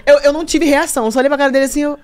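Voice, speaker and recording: A woman's voice: high-pitched, racing, a little hiss or hum. A woman, a podcast guest, telling stories in casual chat and acting out the other people in them. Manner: animated, acts out other people's voices while telling stories.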